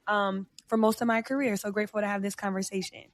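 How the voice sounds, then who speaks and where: A woman's voice: medium pitch, little pitch movement, quick pace, no echo. A woman from New Jersey, a podcast guest talking casually in an upbeat, enthusiastic way.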